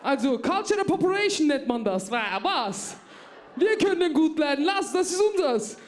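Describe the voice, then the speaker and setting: A woman's voice: high voice, sing-song, normal speed. A woman, doing a stand-up comedy set in a club and confiding in the crowd. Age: 30s. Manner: chatty, confiding, addressing the crowd directly.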